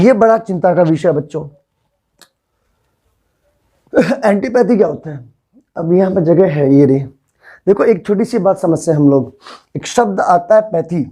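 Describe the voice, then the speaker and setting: A man's voice: sits high, dark tone. A young man teaching a vocabulary class, repeating words and coaxing his students to say them back. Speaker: English teacher.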